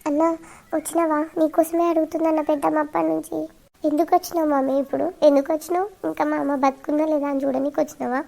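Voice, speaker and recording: A tearful young cartoon girl, voiced by a woman with a Telangana accent. Her voice is high, flat and dark. She pleads through her tears. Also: fast talker, gravelly. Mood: bitter. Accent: Telangana Telugu.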